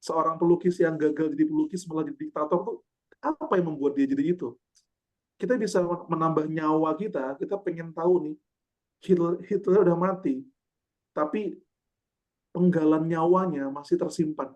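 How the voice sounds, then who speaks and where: A man in his twenties, a guest speaker giving a lively, joking talk in casual colloquial speech. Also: a little high, moderate pace. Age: 20s. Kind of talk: casual religious talk to an online audience.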